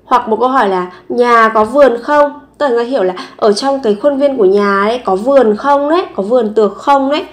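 Woman teaching a language, slow repeats. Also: a little high. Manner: explains slowly, repeats example sentences several times. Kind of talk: language lesson narration.

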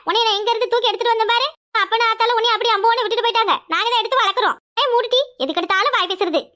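A woman voicing a harried, scolding village mother in a cartoon, with a Tirunelveli Tamil accent. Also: bright, forceful tone. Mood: berating. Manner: scolding, shrill and rapid. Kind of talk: cartoon voice acting.

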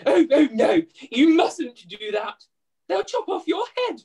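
A woman acts a pantomime dame, a poor put-upon laundry widow. The voice is high and swoops widely, with exaggerated, plaintive delivery aimed at an audience. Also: big pitch swings, takes it slowly, dark tone, full character voice. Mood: exasperated. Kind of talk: hammy pantomime acting. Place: room at home, video call.

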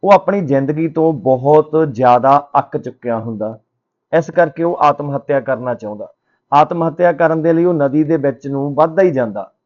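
A man's voice: a little high, moderate pace, a little mellow, dull audio. A man narrating a motivational story in a plain, conversational way.

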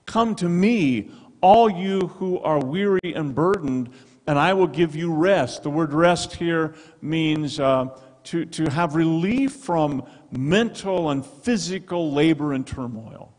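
A man's voice: fairly high pitch, takes it slowly, darkish tone. A middle-aged man preaching a sermon in a church, talking into a handheld mic with emphatic gestures. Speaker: pastor. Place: church sanctuary with stone wall and projection screen. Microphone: handheld microphone. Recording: long hall reverb.

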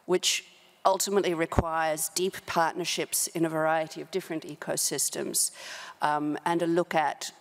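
Speaking close into a gooseneck desk microphone in a big conference hall, a middle-aged woman who directs human rights at a company gives prepared panel remarks off the cuff. Her deep voice has a flat delivery, and she is measured and halting, using formal vocabulary.

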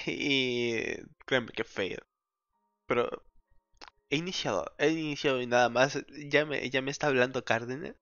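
A man's voice: medium pitch, a little slow, fairly bright tone, no room sound, dull audio, faint music behind. A man giving casual, exasperated let's-play commentary, muttering and laughing often. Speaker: gaming streamer.

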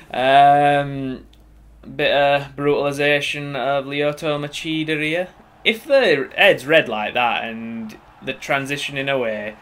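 A man's voice: medium pitch, a bit bright, slight background noise. A young man giving casual, upbeat gameplay commentary as a channel host. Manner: chatty, upbeat, informal.

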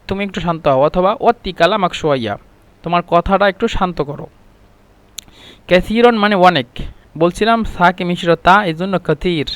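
High-voiced man teaching phrases patiently. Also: clear, resonant tone, no room sound. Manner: explains patiently, repeating each phrase several times. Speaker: Arabic language teacher. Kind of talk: spoken language lesson.

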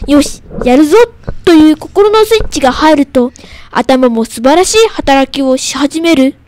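High-voiced girl reading a poem aloud. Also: lively intonation, normal speed, darkish tone. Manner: nervous, careful reading aloud. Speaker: young radio guest reading a poem.

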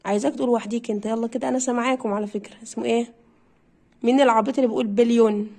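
Brisk Egyptian woman teacher, high voice. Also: steady tone, vocal fry, darkish tone. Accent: Egyptian Arabic. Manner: brisk, coaxing, drills words by repeating them. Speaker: primary school English teacher. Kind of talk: online pronunciation lesson.

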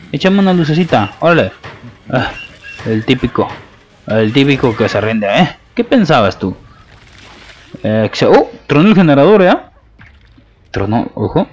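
Mexican gamer guy, mid-pitched, mocking opponents as he plays; live gameplay commentary. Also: lo-fi sound. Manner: taunting, playful trash talk at opponents.

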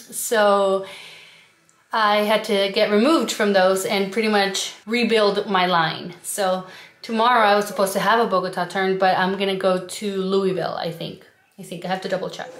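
A woman in her thirties chatting casually to the camera at home, explaining things in an easygoing, talkative way. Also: medium pitch. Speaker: vlogger and flight attendant. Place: indoor rooms at home, kitchen and bedroom. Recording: echoey home rooms.

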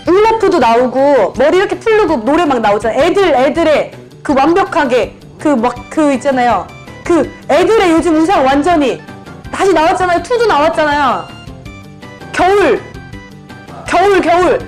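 A woman's voice: sits high, expressive, moderate pace, darkish tone, faint music behind. A woman hosting her channel, describing clues in a party guessing game and repeating words over and over. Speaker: channel host.

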